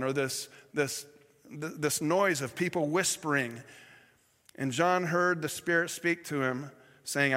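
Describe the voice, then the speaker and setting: A man's voice: fairly high pitch, a bit bright, long reverb tail. A man preaching a sermon, telling a story with fillers and self-corrections as he goes. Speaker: pastor.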